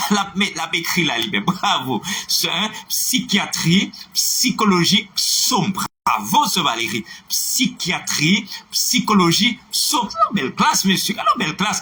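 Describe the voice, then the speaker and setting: Lively high-voiced Haitian man teaching. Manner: spells words letter by letter, checks understanding, switches into Creole; greets viewers by name. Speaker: French teacher on a live online class. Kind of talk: live-streamed language lesson.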